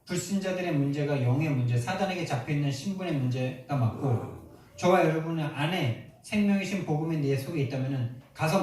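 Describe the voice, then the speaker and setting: A man's voice: on the high side, a little mellow. A male pastor preaching a sermon, emphatic and full of rhetorical questions to the congregation, in a church sanctuary. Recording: echoey hall from far off.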